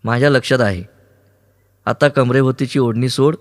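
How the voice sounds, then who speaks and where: A man's voice: medium pitch, fairly even intonation, moderate pace, big-room sound, close to an everyday voice. Man doing a dry, joking young man. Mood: wry. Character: calm joking young man rowing a boat. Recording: sea waves behind voice. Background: ocean waves sound effects.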